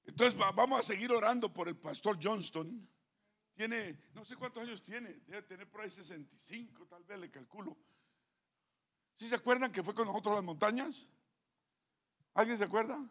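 A man with a high, gravelly voice preaches a sermon as a pastor. He drops to quiet, almost offhand remarks, then climbs to loud shouted lines. He drags out the phrases he wants to land. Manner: swings between soft asides and loud shouted declarations; slow, drawn-out emphasis on key phrases. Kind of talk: Pentecostal-style sermon.

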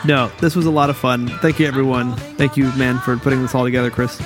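A man's voice: medium pitch, fairly even intonation, quick pace, over music. A man co-hosting a podcast in casual chat, joking and laughing often. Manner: laughing, jokey. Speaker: podcast co-host.

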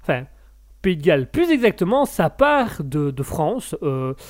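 A man's voice: a little high, sing-song, unhurried, a little mellow. A man hosting a live stream, joking and rambling as he reads out chat messages. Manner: jokey, rambling, self-interrupting. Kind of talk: casual chat reading out chat messages.

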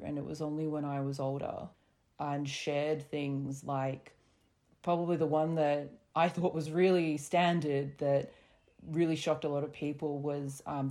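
A woman speaking as a podcast guest through a voice disguise that makes her sound deeper, talking in a reflective, measured way with small restarts over a remote call. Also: dark tone. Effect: voice altered to sound deeper for anonymity. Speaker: guest sharing lived experience. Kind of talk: candid podcast conversation. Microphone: remote recording over a call.

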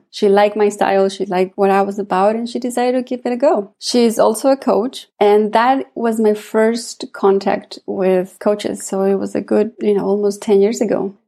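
A woman from Mexico who grew up speaking Spanish, a coach and consultant chatting as a podcast guest, warm and chatty with frequent laughs. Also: mid-range voice. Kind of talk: casual interview chat.

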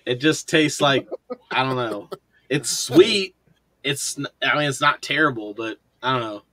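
A man's voice: mid-range voice, measured pace, bright, forceful tone, no room sound. A man co-hosting a casual podcast, rambling and swearing with laughs. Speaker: podcast co-host. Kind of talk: casual chat.

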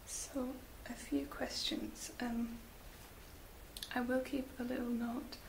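A woman whispering gently as a spa beauty therapist in an ASMR roleplay, slow and soft with little fillers. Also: a little high, little pitch movement, vocal fry, rough recording. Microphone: close sensitive mic. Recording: hissy close mic.

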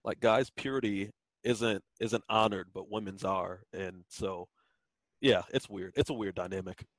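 A man co-hosts a casual podcast chat in a fairly low voice. He talks candidly, meandering through fillers. The sound is dry and close, with no room around it. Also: measured pace, no echo, rough recording. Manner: candid, rambling, many fillers. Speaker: podcast co-host.

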